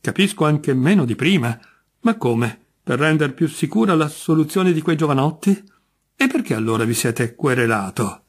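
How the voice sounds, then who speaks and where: A man's voice: on the high side, expressive, moderate pace, husky, pitched above the performer's own voice. A man doing a patient, weary judge. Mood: puzzled. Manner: coaxing, reasonable, mildly exasperated. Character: patient, wearily kind male judge.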